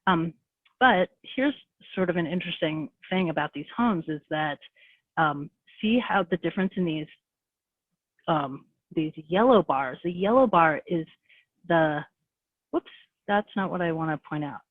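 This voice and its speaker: A woman giving a fast, casual presentation over a video call, full of fillers and restarts. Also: fairly low pitch, no room sound. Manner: rapid, conversational, many fillers. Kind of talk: webinar presentation. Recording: tinny phone-like call audio.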